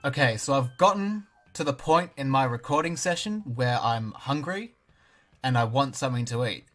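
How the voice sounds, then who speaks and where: A man's voice: medium pitch, animated, normal speed, a bit bright, faint music behind. A young Australian man giving casual let's-play commentary, with dry, self-mocking jokes. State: talking with a mouth full of banana at times. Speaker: gaming YouTuber.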